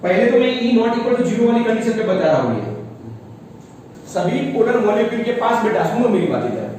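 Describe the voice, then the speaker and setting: A man's voice: high voice, sing-song, normal speed, darkish tone, a little hiss or hum. A male physics teacher lecturing a class, often calling the students "beta" and checking whether they understand. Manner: calls students "beta", asks checking questions. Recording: echoey classroom from far off.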